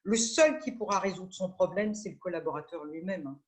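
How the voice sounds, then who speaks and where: A woman sharing a management anecdote in a remote meeting discussion, talking in a brisk, assertive way. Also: on the low side. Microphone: video call.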